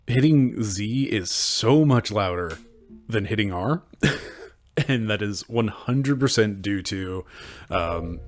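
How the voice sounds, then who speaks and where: A man hosting a casual video game playthrough, commenting in a halting, wry way. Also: fairly low pitch. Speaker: gamer, host. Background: game music.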